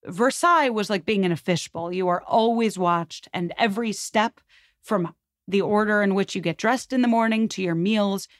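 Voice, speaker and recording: Recorded dry with clean studio sound, a female podcast guest with a mid-range voice speaks at normal speed. She shares history in an easygoing, conversational manner, dropping in lots of filler words.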